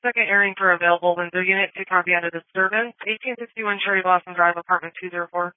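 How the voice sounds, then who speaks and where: A male dispatcher calling out an address to units over a police radio, in a rapid, routine delivery. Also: high-pitched, no room sound. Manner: rapid, even, routine call-out. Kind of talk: dispatch call-out. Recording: tinny, dry radio transmission.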